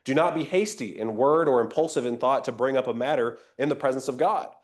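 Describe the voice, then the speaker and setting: Slightly nasal from a cold, this Bible class teacher talks briskly in a mid-range voice. He draws the group in conversationally with questions, rhetorical questions and requests for comments.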